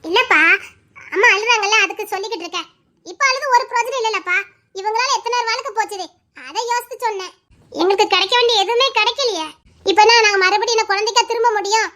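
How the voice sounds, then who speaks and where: A woman's voice: very high voice, fast talker, sharp tone. Woman playing a bitter, reproachful grown daughter. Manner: reproachful, emotional, lecturing.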